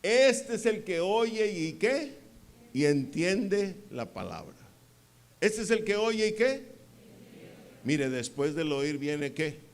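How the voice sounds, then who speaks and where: A man's voice: high-pitched, big pitch swings, slow. A man preaching a sermon to a church congregation, firing questions at them and stressing key words. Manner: asks the congregation questions and waits for answers; emphatic, rises on key words. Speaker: pastor. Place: church hall.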